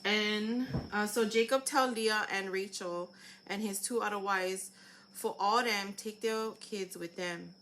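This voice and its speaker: A woman with a Hawaiian Pidgin accent, talking and reading Bible stories aloud in an informal, halting way. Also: mid-range voice, fairly even intonation, a bit bright, a little hiss or hum, rough recording.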